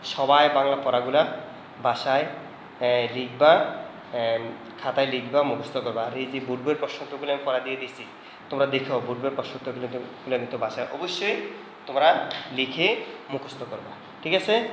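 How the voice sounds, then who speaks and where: A man with a Bangladeshi Bengali accent teaching a home lesson, dictating word lists slowly and repeating them for students. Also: medium pitch, fairly bright tone, lo-fi sound, a little hiss or hum. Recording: echoey room with faint ambience.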